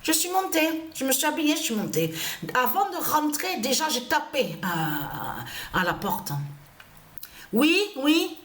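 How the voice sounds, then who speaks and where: A woman with a high, very lively voice tells a personal story in a rising rant. She is agitated and repeats herself, swearing as she goes. Her pitch leaps up and down constantly. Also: moderate pace, reverberant. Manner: agitated, repetitive, cursing. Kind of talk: angry personal storytelling monologue.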